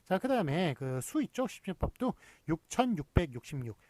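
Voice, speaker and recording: Husky man giving an animated lecture. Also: mid-range voice, brisk, no echo. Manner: explains step by step with frequent fillers and rising emphasis. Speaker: university lecturer. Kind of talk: recorded online lecture.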